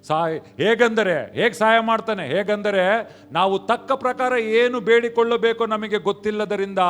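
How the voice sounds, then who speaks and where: A male pastor preaching a sermon in a church, mixing in English phrases, swinging from quiet acted dialogue to shouted peaks. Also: high-pitched. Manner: mixes English phrases into Kannada.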